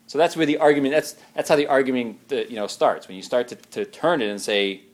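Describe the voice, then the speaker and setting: Animated man giving a religious talk. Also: medium pitch, fast. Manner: animated, acts out quoted voices, frequent restarts.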